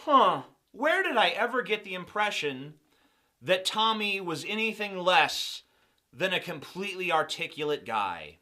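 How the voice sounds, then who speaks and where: Young male commentator, sarcastic and mocking, high bright voice. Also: sing-song, unhurried. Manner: mocking, sarcastic, laughs at own jokes. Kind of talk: sarcastic commentary on video clips.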